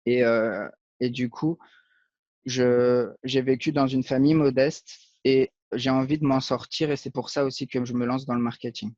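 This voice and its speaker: A man's voice: mid-range voice, fairly even intonation, moderate pace, a little mellow, no room sound. Hesitant man from Portugal, dry lo-fi sound. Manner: hesitant, fillers, short laughs. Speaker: guest, affiliate marketer. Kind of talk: casual interview.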